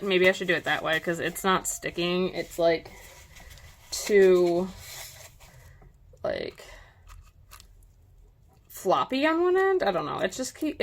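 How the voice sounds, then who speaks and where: A woman's voice: medium pitch, fairly bright tone. A woman talking casually while she makes a craft prop, rambling and correcting herself with lots of fillers. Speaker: prop maker. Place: home workspace, indoors.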